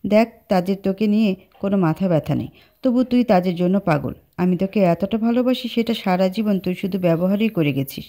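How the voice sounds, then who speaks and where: A woman reads a possessive young man, quiet and brooding, storybook role. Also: medium pitch, a little fast, lightly acted.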